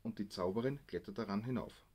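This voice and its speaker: A man voicing a calm mother who tells her small daughter a fairy tale in a gentle way. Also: on the low side, fairly quick.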